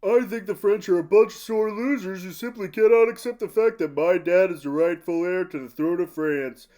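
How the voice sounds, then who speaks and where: A man's voice: sits high, moderate pace, warm tone, close to an everyday voice. Man playing a casual, self-assured young prince. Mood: cocky, pleased. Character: proud, casual young medieval prince, like a victorious athlete. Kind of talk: mock post-game sports interview.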